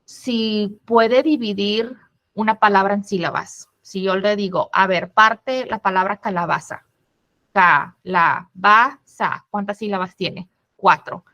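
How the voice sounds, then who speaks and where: A woman and former teacher giving an online presentation to parents, explaining patiently and sounding out syllables slowly. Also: medium pitch, fairly even intonation, a bit bright, dull audio.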